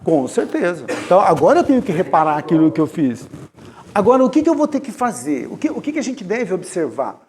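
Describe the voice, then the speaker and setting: A man's voice: high voice, very animated, fast talker, darkish tone. A man with a Brazilian Portuguese accent giving a conversational lecture at a spiritist center, telling personal stories and speaking straight to the audience. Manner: storytelling, speaks directly to the audience. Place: spiritist center meeting room.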